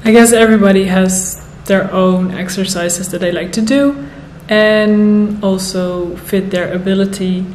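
A woman in her thirties talking casually to the camera, thoughtful and unhurried, pausing with fillers. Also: medium pitch, fairly even intonation, a little mellow, soft background music. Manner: slow, thoughtful, with pauses and fillers. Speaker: vlogger. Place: bright room indoors. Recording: echoey room, faint noise.

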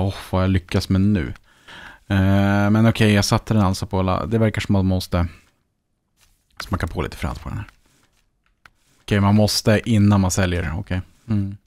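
A man's voice: fairly low pitch, darkish tone, no room sound. A man with a Swedish accent giving casual let's-play commentary, chatting and muttering to himself as he plays. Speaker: gaming YouTuber.

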